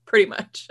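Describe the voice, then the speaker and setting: A woman, casually chatting as a podcast co-host, rambling and laughing often. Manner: enthusiastic about marine biology. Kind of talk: casual chat.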